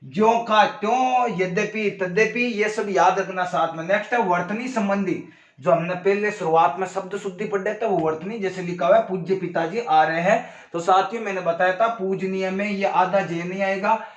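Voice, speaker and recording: High-voiced Hindi teacher in an echoey room. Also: male voice. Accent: Rajasthani Hindi. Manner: addresses viewers as साथियों, explains slowly with spoken examples. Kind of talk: exam-prep grammar lesson.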